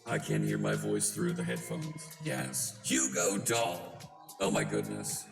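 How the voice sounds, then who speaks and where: A live coding streamer talking through a voice changer that shifts the voice deep, chatting casually with a wry, self-deprecating manner. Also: huge pitch swings, measured pace, gravelly. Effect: deep pitch-shifting voice changer. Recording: roomy sound with music behind. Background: background music.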